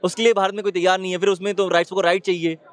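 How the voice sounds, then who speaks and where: A man's voice: high-pitched, flat delivery, very fast. A man giving his opinion in a street interview, talking in an emphatic, argumentative way and often urging the listener to look.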